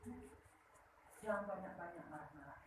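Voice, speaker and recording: A woman giving lively, teasing marriage advice at a wedding ceremony, checking in with the couple with a constant "ya?". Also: fairly low pitch, normal speed. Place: marriage hall. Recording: very echoey hall, far from the mic, faint noise.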